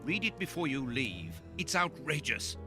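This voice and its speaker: An actor playing an earnest, slow-witted doctor sidekick in a video game cutscene, with a polite, eager manner. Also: male voice, mid-range voice, big pitch swings, over music, natural voice.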